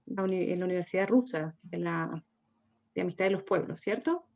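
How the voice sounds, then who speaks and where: A woman's voice: on the low side, fairly quick, gravelly, a little mellow. A woman hosting and moderating an online academic event, courteous and formal, with some filler hesitations. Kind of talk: formal welcome and moderation over a video call.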